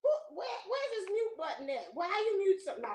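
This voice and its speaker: A woman in her fifties co-hosting a live stream, animated and teasing, laughing often. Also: very high voice, a little fast, crowd noise. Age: 50s. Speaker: co-host of live show. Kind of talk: casual live stream chat.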